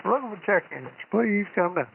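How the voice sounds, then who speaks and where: High, creaky man on single sideband radio. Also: expressive, normal speed. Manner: folksy, informal. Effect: single sideband radio transmission. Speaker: amateur radio net control operator. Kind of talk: casual radio net check-in chat. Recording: tinny narrowband radio signal, faint static.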